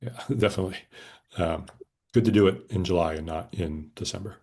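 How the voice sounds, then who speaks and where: Committee lead: low, very deep-voiced man, orderly, explains step by step in a meeting room. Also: a little fast, warm tone, slightly rough. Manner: orderly, walks through schedules and bids step by step.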